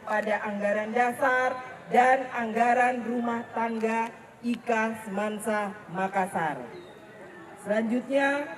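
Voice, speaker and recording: A woman reading a formal inauguration address as an official, measured and phrase by phrase. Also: on the high side. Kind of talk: formal ceremonial read-out speech. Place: large hall at a ceremony. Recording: distant mic in very echoey hall.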